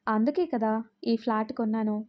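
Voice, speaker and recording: A woman's voice: fairly high pitch, moderate pace, darkish tone, lightly acted. A woman voicing a playful young husband who teases his wife and sister-in-law. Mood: teasing. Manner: playful teasing. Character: teasing, generous young husband.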